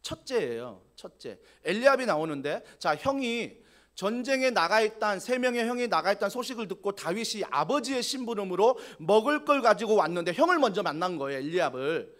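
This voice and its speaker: A man's voice: sits high, sing-song, brisk, fairly bright tone. A man, a pastor preaching a sermon in church, acting out the dialogue of the story in different voices.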